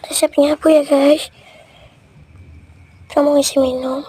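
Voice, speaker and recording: A woman with a hoarse voice from a cough, casually narrating a vlog. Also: high-pitched, flat delivery, measured pace, mellow, dry recording. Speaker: vlogger.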